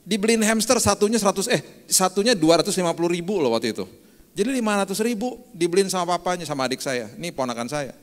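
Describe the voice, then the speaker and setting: A man's voice: high-pitched, expressive, quick pace. Casual preaching man. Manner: casual, jokey, slangy preaching. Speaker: pastor. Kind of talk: sermon. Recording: long church hall reverb.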